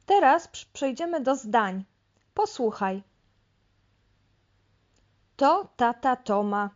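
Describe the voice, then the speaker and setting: Slow-spoken woman teaching reading. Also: a little high, big pitch swings, dull audio. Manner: slow, deliberate, clearly articulated syllables. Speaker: speech therapist teaching reading. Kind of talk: slow syllable-by-syllable reading lesson.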